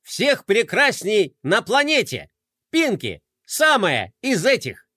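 A man's voice: high-pitched, wildly swooping pitch, slow pace, sharp tone, dry recording, studio quality, pitched above the performer's own voice, exaggerated voice. A man voicing an ever-positive young boy hero in a storybook reading, upbeat and enthusiastic. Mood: excited.

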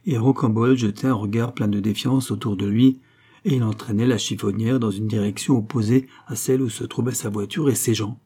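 An audiobook narrator reads a classic novel in a steady, measured way. His voice is fairly low with a breathy edge.

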